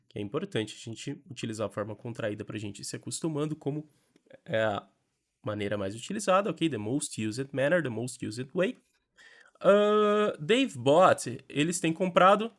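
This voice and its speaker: A man with a Brazilian Portuguese accent and a voice on the high side teaches English in an animated online grammar lesson. He drills sentences slowly, slipping quick explanations in between.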